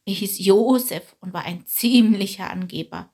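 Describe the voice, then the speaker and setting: A woman voicing a female goat in a storybook reading who tells old tales, mildly reproachful, with a breathy voice. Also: mid-range voice, unhurried, warm tone. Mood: storytelling.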